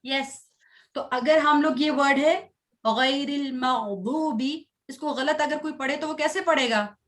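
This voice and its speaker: In an online class, a woman teaches children to recite the Quran, going slowly syllable by syllable so they can repeat after her. Her voice is high-pitched and a bit bright, and she quizzes the pupils between lines, praising them.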